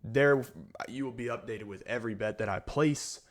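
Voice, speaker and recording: Young male host doing loose, off-the-cuff fight picks; mid-range voice, relaxed and candid. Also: medium pitch, normal speed. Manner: casual and candid, frequent fillers and restarts. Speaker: MMA fight predictions host. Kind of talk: casual solo fight breakdown.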